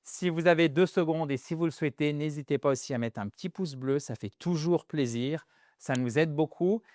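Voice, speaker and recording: A man's voice: a little high, normal speed, a little mellow, no room sound, studio quality. A man with a French accent teaching an English lesson, patiently repeating and spelling out pronunciation.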